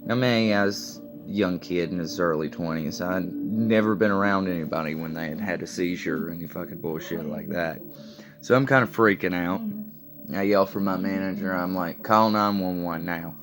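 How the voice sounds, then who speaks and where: A man in his late twenties with a low, deep voice tells a personal story in a loose, rambling vlog style. He swears freely and leans on fillers as he goes. Music plays clearly behind his voice. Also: normal speed. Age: late 20s. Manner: rambling, profane, full of fillers. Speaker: vlogger telling a personal story. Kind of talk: casual spoken storytelling. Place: sitting at home with coffee and a cigarette.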